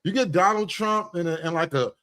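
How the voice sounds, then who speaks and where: On a livestream, a man delivers casual satirical commentary with animated, profane, mock-enthusiastic energy, repeating phrases for emphasis. His voice is high-pitched, clear and resonant, and he talks briskly.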